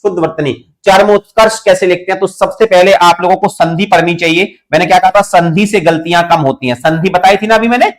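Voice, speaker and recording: Man, young adult, grammar teacher, high voice, repeats key points, asks students questions. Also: fairly even intonation, fairly quick, few pauses. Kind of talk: online exam-prep lesson.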